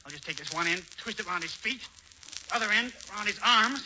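An earnest, blustering leading man in a vintage radio comedy. His high voice swoops around with urgency. The recording is old, dull and plainly noisy. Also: animated, fast. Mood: urgent. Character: excitable, earnest male hero bent on retrieving plans.

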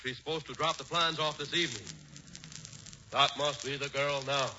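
A man's voice: medium pitch, steady tone, normal speed, bright, forceful tone. An actor playing a pompous, pampered rich man in an old radio comedy, with an affected, melodramatic delivery. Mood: whiny, theatrical. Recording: dull, very noisy vintage radio recording.

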